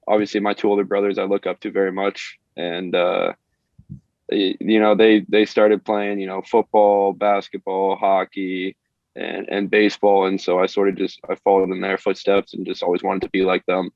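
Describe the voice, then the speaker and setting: Low creaky young man, halting speech. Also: flat delivery, darkish tone, no room sound. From Maine, USA. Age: young adult. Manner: hesitant, many fillers and restarts. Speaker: college baseball player, interviewee. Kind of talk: casual interview answers. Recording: dull lo-fi audio.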